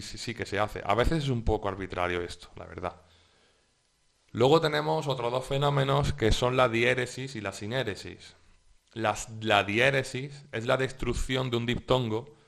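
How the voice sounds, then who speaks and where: A man from Spain with a lowish, slightly bright voice and vocal fry teaches verse metrics in an exam-prep lecture. He explains step by step, often restarting and using checking tags.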